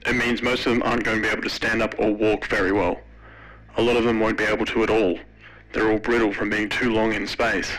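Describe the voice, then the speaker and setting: A man's voice: on the low side, little pitch movement, fast, fairly bright tone, poor audio. A man voicing a terse radio commander. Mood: matter-of-fact.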